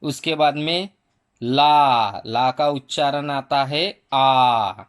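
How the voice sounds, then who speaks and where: Slow, patient man sounding out letters. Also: mid-range voice, fairly bright tone, clean tone. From India. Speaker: primary school Hindi teacher. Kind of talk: slow spelling lesson for children.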